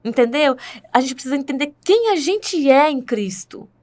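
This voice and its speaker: A woman's voice: high voice, expressive, moderate pace, darkish tone. A woman with a Brazilian Portuguese accent telling her faith testimony in conversation, earnest and full of tag questions.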